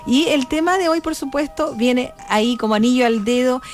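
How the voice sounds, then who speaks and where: A woman's voice: high-pitched, normal speed, soft background music. A Chilean woman hosting a radio show, asking questions in a casual conversational way. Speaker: radio host. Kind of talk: radio interview.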